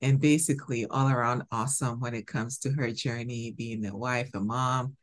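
A woman hosting a faith podcast, chatty and quick to laugh. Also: a bass voice, fairly even intonation. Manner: laughs often, chatty and bubbly. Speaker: podcast host. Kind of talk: casual podcast chat.

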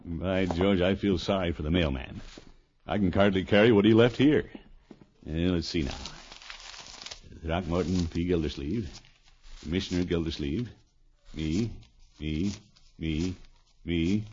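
An actor playing a pompous, blustery middle-aged uncle in a theatrical, self-important way in a 1950s radio comedy. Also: male voice, deep voice, a little slow, long pauses, darkish tone, slightly rough. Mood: self-satisfied muttering. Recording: dull, noisy old radio recording.

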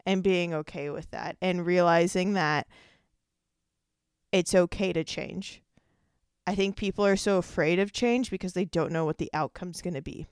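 A woman's voice: fairly low pitch, steady tone, normal speed, clean tone, no room sound, clean studio sound. A woman in her twenties hosting a solo podcast, talking casually and rambling with lots of "like" as she thinks aloud. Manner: rambling, heavy use of "like". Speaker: podcast host.

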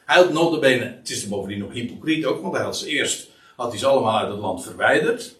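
A man's voice: medium pitch, lively intonation, fast talker, fairly bright tone. A man explaining a Bible passage in a hesitant, exploratory way, with frequent fillers and restarts. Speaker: Bible teacher. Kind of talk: explanatory Bible study talk. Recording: echoey room, distant mic.

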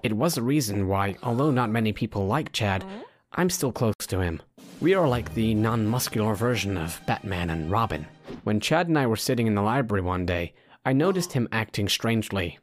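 A man with a fairly low voice delivers a scripted first-person story. He talks straight to the listener in the manner of a storytime vlogger. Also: animated, moderate pace, soft background music. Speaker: storytime narrator.

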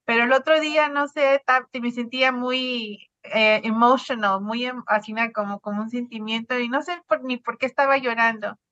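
Brief: woman, a bit high-pitched, casual rambling mom, dry muffled call audio. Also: steady tone, moderate pace, few pauses, no room sound. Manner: warm, rambling, self-correcting, laughs while telling. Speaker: participating mother. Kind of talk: casual group chat. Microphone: video call.

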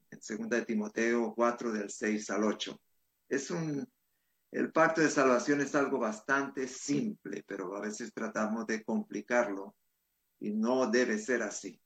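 A man's voice: medium pitch, fairly bright tone. A man, a pastor, commenting conversationally on a Bible study panel, citing verses with small restarts.

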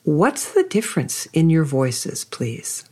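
A woman's voice: low-pitched, lively intonation, normal speed. A woman hosting an author interview, reading a prepared introduction and then asking effusive, admiring questions. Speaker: podcast host interviewing an author.

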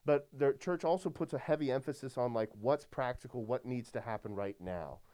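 A priest chatting casually on a podcast, his voice smooth and resonant at an ordinary middle pitch. He rambles easily and often leans on "like" and "you know.". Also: a little fast, dark tone. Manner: easygoing, heavy use of "like" and "you know".

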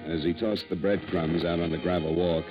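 A man's voice: low voice, fairly even intonation, normal speed, lightly acted. An actor playing a dry, wisecracking insurance investigator who narrates his own case, in an old radio drama. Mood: narrating. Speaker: narrator and lead. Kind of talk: 1950s radio drama acting. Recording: dull old radio broadcast with music.

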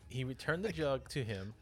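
A man's voice: mid-range voice, measured pace, faint music behind. A man hosting a podcast, telling strange stories in a casual, joking way with asides and self-corrections. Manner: lively, joking, self-interrupting. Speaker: podcast host.

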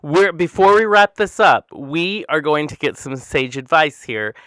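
A man in his forties co-hosting an interview, enthusiastic and quick to laugh and agree. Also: on the high side, expressive, fairly bright tone, no room sound. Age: 40s. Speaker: podcast co-host. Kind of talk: casual interview chat.

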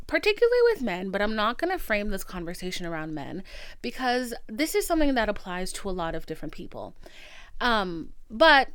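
A woman's voice: medium pitch, clear, resonant tone, no room sound. A woman podcast host chatting casually and confessionally to listeners, candid, slangy and emphatic.

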